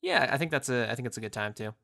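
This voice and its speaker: A man's voice: medium pitch, sing-song, racing, creaky, bright, forceful tone. A man co-hosting a podcast, chatting casually and rambling through scene recaps with filler words. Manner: rambling, acts out characters' lines in quotes. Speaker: podcast co-host.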